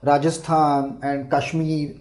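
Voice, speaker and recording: A man's voice: a little high, level tone, slow pace, darkish tone, rough recording. A man teaching a Hindi lesson, explaining patiently and repeating words syllable by syllable. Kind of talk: language lesson.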